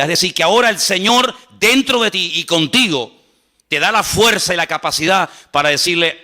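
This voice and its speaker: A male pastor preaching a sermon in an animated way, acting out quotes and joking with his congregation. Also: a little high.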